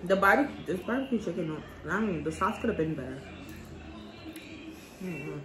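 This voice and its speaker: A woman's voice: on the low side, expressive, moderate pace, fairly bright tone. A woman in a casual food review, talking while chewing and sounding unsure of her verdict. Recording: echoey room with music playing. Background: music.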